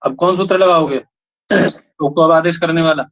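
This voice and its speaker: Male teacher, slightly high voice, drills students with repeated questions, dull lo-fi recording. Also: moderate pace, a bit bright. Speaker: Sanskrit grammar teacher. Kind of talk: classroom lesson, questioning students. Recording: dull lo-fi sound.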